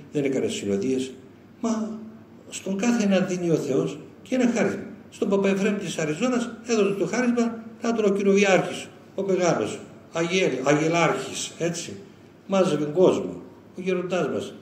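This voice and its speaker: An older man, a monastic elder giving an informal, animated spiritual talk, telling stories with chuckles. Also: a little high. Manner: conversational, animated storytelling with chuckles. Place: lecture hall. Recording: roomy hall sound with faint noise.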